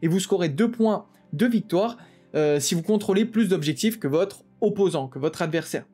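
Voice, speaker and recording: A man hosting a tabletop game channel, explaining rules in a quick, casual way with lots of fillers and restarts. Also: high voice, expressive, warm tone, breathy edge, soft background music. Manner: talks fast, with many "euh" fillers and restarts.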